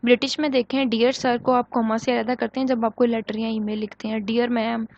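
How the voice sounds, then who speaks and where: Higher-pitched woman lecturing on grammar. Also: level tone, darkish tone, dull audio, slight background noise. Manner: explains in Urdu-flavored Hindi, reading English example sentences slowly; asks the class questions and answers them herself. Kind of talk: recorded online lecture.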